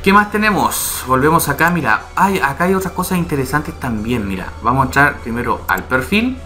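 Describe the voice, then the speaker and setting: A YouTube channel host explains a website briskly and step by step over soft background music, frequently asking "¿ya?" and "¿vale?" to check on his viewers. His medium-pitched voice swings widely and has a sharp tone. It's a relaxed screen-recorded tutorial.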